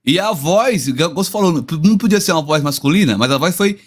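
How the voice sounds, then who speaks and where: A man's voice: a little high, animated, a little fast. A man with a Brazilian Portuguese accent, a guest pastor telling a personal story with hesitant restarts.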